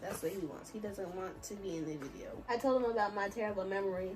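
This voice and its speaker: A woman's voice: medium pitch, quick pace, darkish tone, rough recording. A young woman in her early twenties, talking candidly and with giggles to the camera at home in a casual vlog. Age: early 20s. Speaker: vlogger.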